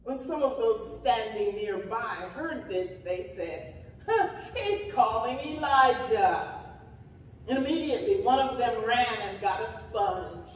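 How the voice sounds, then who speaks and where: A woman pastor giving a slow, deliberate, dramatic reading of scripture during a sermon. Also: fairly high pitch, a little hiss or hum. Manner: slow, deliberate reading with shouted cries for emphasis. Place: church sanctuary. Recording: echoey church hall from far off.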